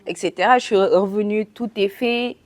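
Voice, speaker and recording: A young woman from Senegal, a guest in a casual chat, relaxed and laughing often, switching between French and English. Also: medium pitch, normal speed. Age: young adult.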